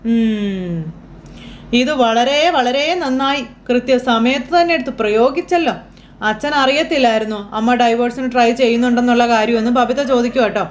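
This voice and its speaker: A woman's voice: fairly high pitch, normal speed. A woman giving a chatty, casual recap of a TV serial for her listeners. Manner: chatty, keeps adding tag words for the listener.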